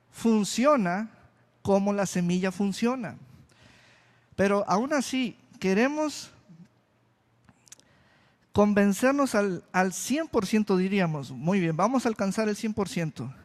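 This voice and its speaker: A male pastor preaching a sermon slowly and deliberately, repeating key phrases for emphasis. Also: high voice. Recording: long reverb of a church hall.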